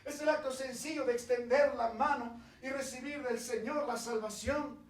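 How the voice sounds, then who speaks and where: A pastor from Peru preaching a fervent expository sermon, swinging from loud calls to quiet asides. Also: male voice, very high voice, fairly even intonation, normal speed. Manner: impassioned preaching, rising to fervent calls, dropping to soft asides. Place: church sanctuary. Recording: echoey church from a distance.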